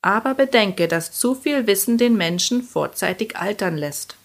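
A woman voicing a gruff, menacing old witch who growls and speaks slowly and slyly. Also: mid-range voice, lively intonation. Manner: growling, slow and sly.

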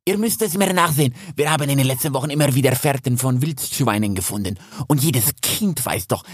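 A man voicing a young, aggressive male stag who guards the forest, gruff and accusing, often shouting. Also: medium pitch, no echo, clean studio sound, voice pushed up.

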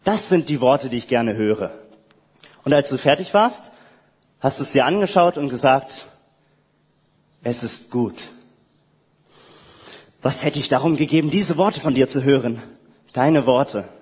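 A man delivers a reflective, prayer-like monologue addressed to God, slow and halting with hesitant restarts. His voice is breathy and moves a lot in pitch, rising and falling. The recording carries a long reverberant hall echo. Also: lively intonation, darkish tone.

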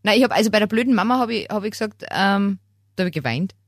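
Chatty woman co-host, halting and animated. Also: medium pitch, dry recording, clean studio sound. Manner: chatty, warm-hearted, halting with fillers. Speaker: podcast co-host. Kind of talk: casual chat.

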